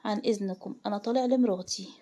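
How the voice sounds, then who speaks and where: A woman's voice: mid-range voice, natural voice. Woman doing Qasi, an icy Egyptian husband. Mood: cold. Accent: Egyptian Arabic. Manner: flat, icy, slow delivery. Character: cold, unfeeling young husband, man.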